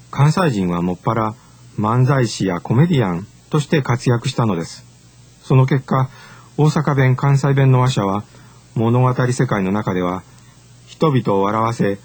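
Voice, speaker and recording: A man delivers a scripted lecture, laying out each point in a measured, formal way. His voice is slightly husky and sits at an ordinary middle pitch. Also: darkish tone.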